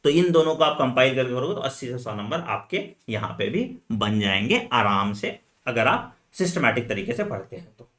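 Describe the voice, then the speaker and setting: A man coaching medical entrance students in an energetic, chatty lesson, talking straight to them and dropping frequent fillers. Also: medium pitch, moderate pace, hardly any pauses. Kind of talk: energetic exam-strategy lesson, chatty Hinglish.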